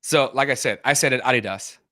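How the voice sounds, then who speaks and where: A man with a German accent hosts a relaxed cultural Q&A and takes his time explaining things, often restarting his sentences and slowly spelling out words. His voice sits at a middling pitch. The recording sounds dry and close. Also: no echo. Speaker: host. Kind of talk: casual cultural Q&A chat.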